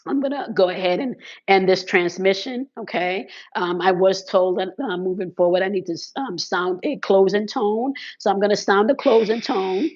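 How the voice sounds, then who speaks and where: Chatting informally with her followers, a spiritual content creator discusses spiritual practice in a hoarse voice that crackles from sinus congestion. Fillers pepper her speech, along with frequent "okay" and "right" check-ins. The pitch is average, and the sound is somewhat muffled and lo-fi.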